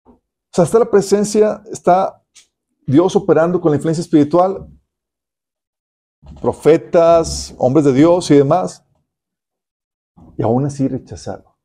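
A youth pastor delivers an animated sermon to young people, firing rhetorical questions straight at them. His voice runs on the high side, and he speaks unhurriedly with frequent pauses.

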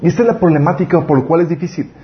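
A man's voice: fairly high pitch, rapid-fire. Earnest preacher man, lo-fi. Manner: earnest, rhetorical questions, animated emphasis. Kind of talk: sermon on parenting. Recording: slightly dull lo-fi recording with faint noise.

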